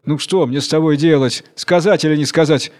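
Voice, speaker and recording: A man's voice: a little high, steady tone, fairly quick, darkish tone, close to an everyday voice. A silly, gossipy jellyfish from a storybook tale, chattering and teasing, as a male narrator puts her on. Her voice rises a little above his usual tone. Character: foolish chatty female jellyfish, boastful.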